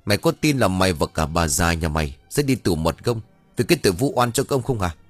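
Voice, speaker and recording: A man voicing a cruel, contemptuous rich landlord over seventy who snarls and shouts with scorn. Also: deep voice, animated, a little fast, soft background music. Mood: scornful, snarling.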